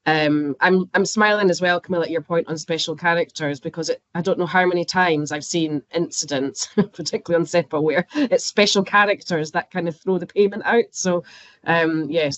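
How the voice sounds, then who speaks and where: In a casual podcast interview, a Scottish woman who is a banking expert chats away as a guest, laughing often and using fillers. Her voice is low-pitched, and the recording has no echo.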